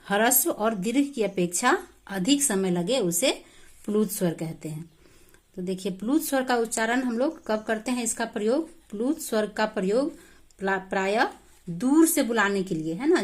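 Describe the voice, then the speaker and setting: A woman teaching a grammar lesson, explaining patiently, asking rhetorical questions and slowly stretching vowels to demonstrate them. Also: medium pitch. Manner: patient, repeats and drills examples with rhetorical questions.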